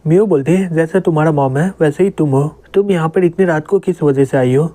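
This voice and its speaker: Mellow-voiced man narrating a manga. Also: on the high side, fairly quick. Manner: reads every character's lines in his own voice. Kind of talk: storytelling narration voicing all characters.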